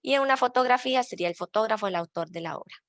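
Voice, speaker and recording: A woman's voice: on the high side, lively intonation, rapid-fire, fairly bright tone, dry recording. A woman from Rica, a librarian patiently explaining citation rules step by step in an online workshop. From Costa Rica. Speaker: librarian teaching citation style.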